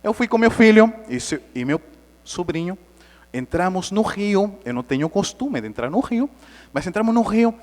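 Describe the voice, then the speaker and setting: Animated man lecturing in a reverberant hall. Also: sits high, normal speed. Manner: animated, acts out the story with sound effects. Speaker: Spiritist lecturer. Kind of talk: lively storytelling lecture.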